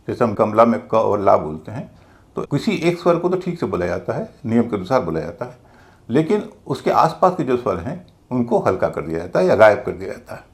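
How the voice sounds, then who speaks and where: A man's voice: lowish voice, darkish tone. A man teaching English pronunciation, explaining patiently and methodically and spelling out words letter by letter. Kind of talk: classroom-style explanation.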